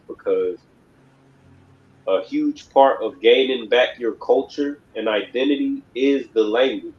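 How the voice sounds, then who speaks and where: On a recording with the highs cut off, a man with a lowish voice leads a religious class. He lectures emphatically and wanders off track, repeating "you know what I mean" over and over.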